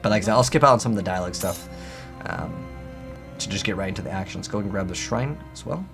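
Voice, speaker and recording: A man's voice: lowish voice, expressive, fast talker. A man giving casual, rambling, conversational gameplay commentary as the host of a gaming video. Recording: game music behind the voice. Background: video game music.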